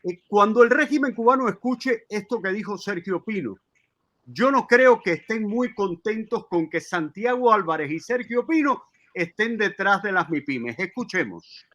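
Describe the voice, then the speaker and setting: A man's voice: high voice, expressive, normal speed, fairly bright tone, highs cut off. A man hosting a debate interview, asking questions in a hesitant way with many filler sounds. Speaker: host.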